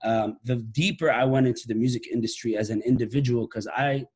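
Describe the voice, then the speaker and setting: A husky, darkish male voice at mid-range pitch, moving a little fast. The speaker, an Iraqi musician and professor in his late thirties, gives a thoughtful talk to camera from his living room via laptop webcam video call, often beginning phrases again.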